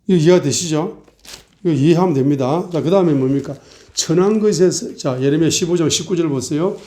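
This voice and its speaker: A man's voice: on the high side, fast, dark tone. A middle-aged male pastor preaching a sermon, asking the congregation rhetorical questions and acting out mocking and complaining voices.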